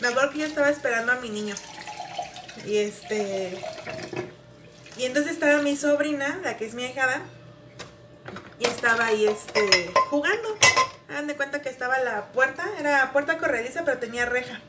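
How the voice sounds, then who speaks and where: An adult vlogger, the mother of a grown son, chats casually with her viewers while washing dishes in her home kitchen, rambling and using many fillers. Her voice sits high, at a normal speed with long pauses. The recording is roomy and off-mic, with pots, pans and dishes clattering in the background.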